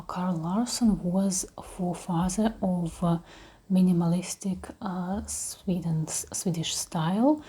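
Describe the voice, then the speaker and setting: A woman with a Russian accent speaking in a soft, breathy, half-whispered voice, in a gentle, hesitant, unhurried ASMR style. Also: lowish voice. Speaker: ASMR creator. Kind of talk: soft-spoken ASMR talk.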